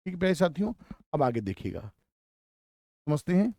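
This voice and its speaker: A man teaching a grammar lesson, asking rhetorical questions and answering them himself, slowly spelling out word parts and repeating key terms. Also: fairly high pitch, sing-song, a little mellow, no echo, clean studio sound. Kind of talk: classroom lecture.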